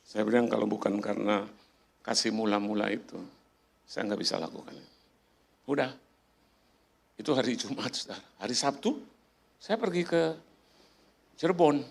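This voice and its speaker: A man's voice: lowish voice, moderate pace, gravelly, pauses often. A middle-aged man preaching in a church, telling a personal story in a chatty way and acting out the voices of the people in it. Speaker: pastor. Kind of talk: sermon storytelling. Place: church hall.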